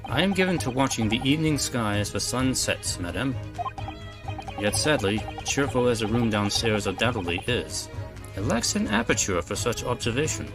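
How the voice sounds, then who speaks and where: Man doing theatrical gentleman detective Herlock Sholmes. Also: medium pitch, animated, moderate pace, over music, lightly acted. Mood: grandly courteous. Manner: florid, formal, self-assured. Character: eccentric, theatrical gentleman detective, grandly courteous.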